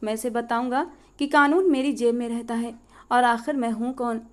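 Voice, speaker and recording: A woman's voice: a little high, steady tone, moderate pace, natural voice. A woman voicing a ruthless vengeful landlord man. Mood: cruel, threatening. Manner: menacing, commanding.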